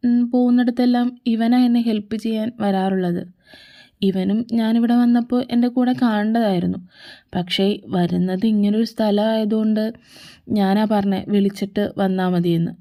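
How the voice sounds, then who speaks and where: A woman doing a calm young man, soothing, patient, fan audio drama, mellow tone. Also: medium pitch, moderate pace, lightly acted.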